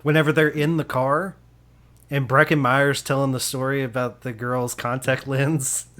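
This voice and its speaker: A man's voice: medium pitch, level tone, normal speed, a bit bright. A man hosting a casual movie review podcast. He talks with enthusiasm, laughs often and restarts his sentences. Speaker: podcast host. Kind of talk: casual film review chat.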